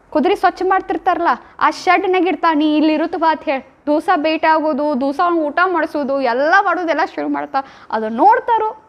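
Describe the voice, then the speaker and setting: A woman giving a devotional talk, retelling love stories with emotive, acted-out lines. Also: very high-pitched. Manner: emotive, acts out quoted lines. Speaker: spiritual speaker. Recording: dull lo-fi recording.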